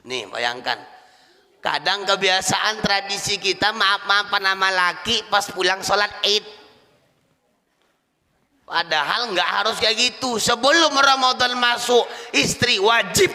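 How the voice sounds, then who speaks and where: A man giving a humorous sermon in a mosque, jokey and animated, with loud emphatic bursts. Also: high voice, unhurried, big-room sound. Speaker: preacher. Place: mosque hall.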